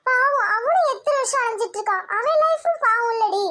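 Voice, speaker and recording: Woman doing a bossy college girlfriend, very high voice, teasing, coaxing, cartoon. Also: expressive, fairly quick, bright, forceful tone, slight background noise, heavily acted. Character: young female college friend Priya, bossy. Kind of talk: Tamil cartoon voice acting.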